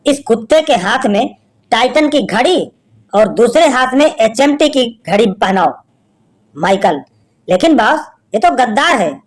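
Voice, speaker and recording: A woman with a fairly high, very lively voice tells short jokes at a slow, deliberate pace. She acts out each quoted line, lifting and dropping her voice between characters. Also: poor audio. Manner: reads jokes slowly, acting out the quoted lines. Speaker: joke teller.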